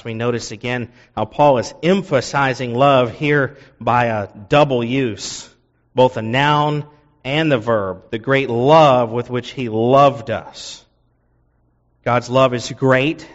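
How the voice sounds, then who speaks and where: A man's voice: on the high side, long reverb tail, highs cut off. A man preaching an earnest sermon, explaining a passage and repeating key phrases for emphasis. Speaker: pastor.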